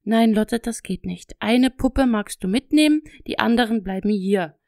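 A woman's voice: on the high side, moderate pace, dark tone, no room sound, clean studio sound, lightly acted. A woman voicing a storybook mother who speaks in a firm but fond way. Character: firm, amused mother of a small girl.

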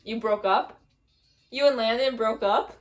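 A young woman in casual, playful banter, giving short, halting replies and guesses. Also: on the high side, faint music behind. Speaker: challenge video participant. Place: small bedroom, indoors.

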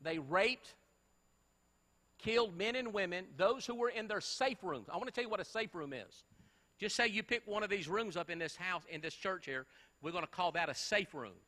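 A man's voice: high voice, animated, normal speed, bright, forceful tone, in a large hall. A male pastor preaching a sermon in a church, throwing emphatic rhetorical questions at his congregation. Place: church sanctuary.

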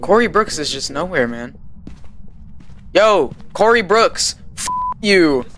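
A male streamer chatting casually with friends while playing a horror game, excitable and joking, often repeating himself. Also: sits high, takes it slowly, noisy background. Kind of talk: casual gameplay chat with friends.

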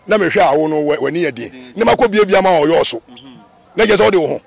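A man from Ghana, a Rastafarian being interviewed, talking in an animated, emphatic way with many repetitions. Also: high voice, fast, creaky. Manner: animated, emphatic, with repetitions and sudden sung phrases. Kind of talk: casual interview talk.

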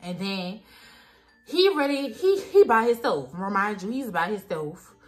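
A young woman, a makeup vlogger, is tipsy and rambling as she tells a story in a small, dim room with faint music behind her. She chats casually in profane slang and repeats herself, her medium-pitched voice a little slow with big pitch swings.

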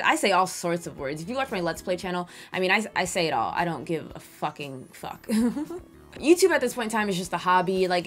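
Chatty, candid young woman gaming vlogger. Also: medium pitch. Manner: chatty, candid, swears freely, with quick bursts of excitement. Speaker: gaming YouTuber. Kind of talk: casual year-in-review vlog.

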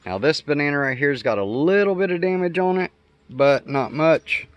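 His voice runs a little high and expressive at normal speed, in a dry recording. The homestead vlogger wanders his garden yard outdoors, offering an unscripted casual explanation while thinking out loud and revising as he speaks.

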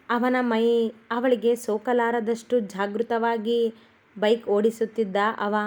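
A woman narrating a romantic story in a steady, unhurried storybook reading. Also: on the high side.

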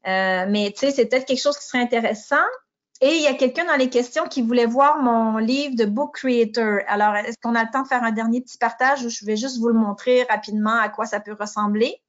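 A woman's voice: a little high, fairly quick. Chatty Quebec French woman, muffled call audio. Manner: chatty, informal. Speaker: webinar co-host, teacher. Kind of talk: webinar hosting. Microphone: video call. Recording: dull lo-fi online call audio.

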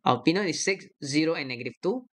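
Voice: medium pitch, lively intonation, fast talker. A math lecturer talking through a worked problem step by step on a screen recording, checking each sum aloud. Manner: works aloud step by step, checking their own sums.

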